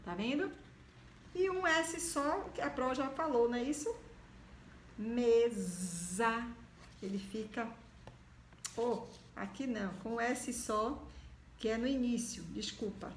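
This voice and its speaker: Slow-talking Brazilian woman teaching children. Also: on the high side, echoey room, a little hiss or hum. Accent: Brazilian Portuguese. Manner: slow, drawn-out words for the children. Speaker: primary school teacher. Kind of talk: video lesson for young children. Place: at home.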